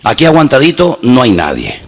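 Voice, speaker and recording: A man from preaching a sermon in a lively, humorous way, acting out little dialogues as he speaks. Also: medium pitch, brisk. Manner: animated, acts out dialogues in different voices, humorous.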